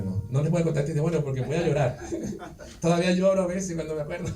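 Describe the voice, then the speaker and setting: A man's voice: fairly high pitch, warm tone. Male preacher, conversational sermon, roomy distant church sound. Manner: conversational, rhetorical questions, checks on listeners. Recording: echoey church, distant mic, faint music.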